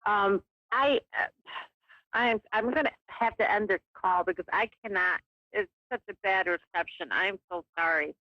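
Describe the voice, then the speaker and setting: A woman's voice: medium pitch, normal speed, dry recording. A woman calling in on a clipped phone line that keeps cutting out, talking in a hesitant, apologetic way. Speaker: caller. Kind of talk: call-in chat over the phone. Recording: dull, dry, breaking-up phone line.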